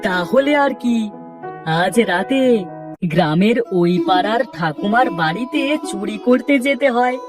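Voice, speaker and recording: A woman's voice: mid-range voice, lively intonation, measured pace, natural voice. Woman playing a sly young thief, off-mic. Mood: scheming. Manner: sly, conspiratorial. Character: scheming young male village thief. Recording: distant voice over music.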